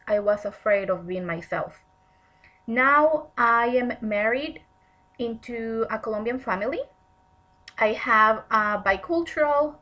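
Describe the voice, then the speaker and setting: A Mexican woman in her thirties, a graduate student whose first language is Spanish, reads out a prepared self-introduction. Her voice sits a little high and sounds pushed and bright, and she speaks in an earnest, measured way with lots of ums. The recording quality is low.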